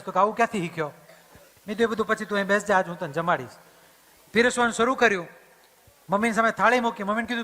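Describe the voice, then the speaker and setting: A man's voice: high-pitched, bright, forceful tone. A man giving a motivational storytelling talk to an audience, acting out family conversations. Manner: acts out family dialogue in plain voice. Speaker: motivational speaker. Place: community hall event. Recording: hall reverb, stage mic.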